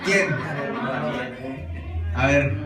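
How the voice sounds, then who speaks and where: A man's voice: fairly high pitch, drawn-out words, over a noisy crowd. A man preaching a sermon, speaking conversationally and often questioning his congregation and calling them brothers. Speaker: pastor. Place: church hall. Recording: roomy echo, distant mic, music behind.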